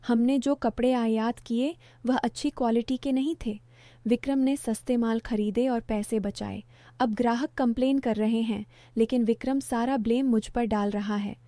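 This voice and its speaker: A woman's voice: a little high, steady tone, normal speed, mellow, dry recording, lightly acted. A woman voicing a troubled young adult son in a spoken story, reading his lines evenly. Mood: remorseful.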